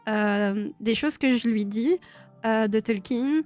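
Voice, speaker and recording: Woman live-streamer, fairly high voice, casual chat, frequent laughter, faint music behind. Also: takes it slowly, a little mellow. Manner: chatty, laughs often, many fillers and restarts. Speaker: streamer hosting a live about Tolkien.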